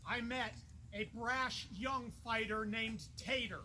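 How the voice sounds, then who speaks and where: A man delivering a formal, declamatory ceremonial speech with measured pauses, as a master of an order. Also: very high voice, steady tone, a crowd in the background. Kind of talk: formal ceremonial speech in a historical reenactment society. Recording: noisy outdoor event recording.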